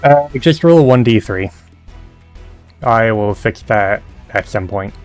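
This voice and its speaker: A man's voice: fairly low pitch, lively intonation, takes it slowly, soft background music. A man narrating a tabletop game as game master, in a laid-back way with chuckles.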